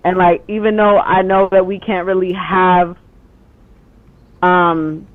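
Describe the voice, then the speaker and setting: A woman's voice: fairly low pitch, level tone, slow pace, no echo. A woman from Ethiopia rambles through a casual chat, filling her talk with "like" and "you know" and easy swearing. Her voice comes through a tinny, phone-like line, dry and close. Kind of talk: casual conversation.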